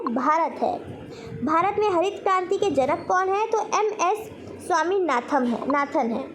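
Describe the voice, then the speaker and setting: This quiz teacher, a woman, speaks in a very high voice with a faint hiss or hum in the background. Her general knowledge lesson has her asking questions and answering them herself, instructionally.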